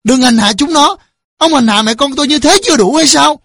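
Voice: sits high, brisk, a bit bright, no room sound, studio quality, voice pushed up. A narrator voicing a long-suffering mother pleading in anguish.

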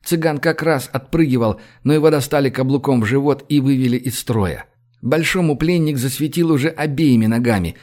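A man reads an audiobook at a steady, measured pace. His voice sits in a middle register and shifts up or down when the characters speak. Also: medium pitch. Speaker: audiobook narrator.

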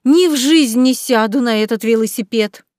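A woman voicing an excitable, chatty young female maid in a storybook reading, breathless and exclaiming. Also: on the high side, normal speed, no echo, clean studio sound, lightly acted. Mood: eager.

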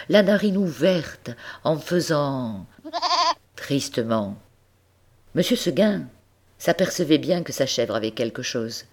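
Woman narrator, storytelling, gentle, expressive, unhurried. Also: low-pitched, slightly rough. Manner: gentle, expressive, addresses the listener. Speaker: audiobook reader.

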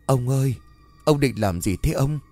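A man's voice: mid-range voice, animated, moderate pace, a little mellow, close to an everyday voice. A grief-stricken old mother, as a male storyteller puts her on, pleading and stammering through tears. Her voice rises and falls over a wide span, with faint music underneath. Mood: anguished.

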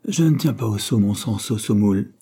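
A man's voice: medium pitch, expressive, normal speed, mellow, slightly rough. A man reading aloud voices a spoiled, rude young man who grumbles curtly at dinner. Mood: peevish. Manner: curt, complaining.

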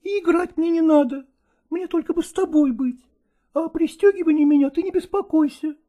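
A male audiobook reader voicing an impulsive, eager young actress who talks in excited, pleading exclamations. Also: very high voice, fairly quick, pitched above the performer's own voice. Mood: pleading, lively.

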